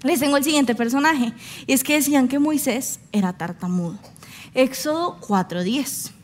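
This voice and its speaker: A woman's voice: high voice, moderate pace. A young woman preaching a sermon, telling stories animatedly and acting out the voices of the people she quotes.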